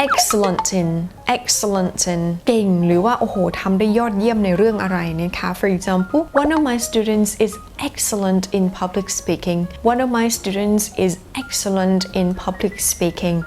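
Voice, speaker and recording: Thai-accented woman, teacher, very slow deliberate delivery, soft music underneath. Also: mid-range voice. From Thailand. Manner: slow, carefully repeated example sentences. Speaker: English teacher. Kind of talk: bilingual lesson explaining grammar.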